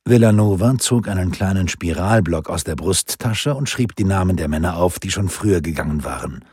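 Male audiobook narrator, low and husky, animated storyteller. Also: fairly quick, dry recording, studio quality. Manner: expressive, varied storytelling delivery.

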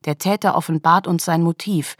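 A woman's voice: lowish voice, steady tone, moderate pace, no echo, clean studio sound, lightly acted. A woman reading an audiobook, voicing a blunt, loyal male forensics officer who speaks in a mocking, outspoken way.

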